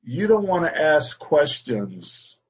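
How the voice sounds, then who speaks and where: A man's voice: fairly high pitch, very animated, slow pace, breathy edge, dull audio. A man coaching a client on a call, talking things through in a conversational way and often saying "exactly" and "you know". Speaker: business coach.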